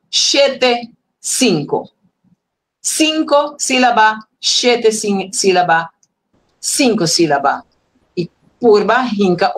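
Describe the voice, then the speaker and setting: Woman host, slow unhurried delivery, reads viewer messages, counts syllables aloud, casual live-stream chat. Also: mid-range voice, low-quality recording. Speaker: online event host reading viewer messages.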